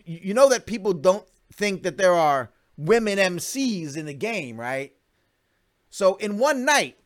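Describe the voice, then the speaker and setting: A man hosting a casual solo podcast, talking fast and animated about local events, with lots of fillers and restarts. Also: sits high. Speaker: podcast host.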